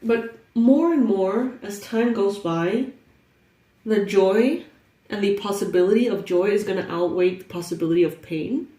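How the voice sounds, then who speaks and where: A woman's voice: medium pitch, measured pace, dark tone, echoey room, recorded from a distance. A young woman with a stuffy, congested nose, chatting casually through a tarot reading and laughing often. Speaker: tarot reader.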